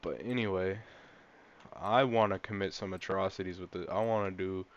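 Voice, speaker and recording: Young guy with a lowish voice rambling excitedly about cars over gameplay, kinda dull lo-fi mic. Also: normal speed. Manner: rambling, excitable car enthusiast. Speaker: gaming channel host. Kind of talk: casual gameplay commentary.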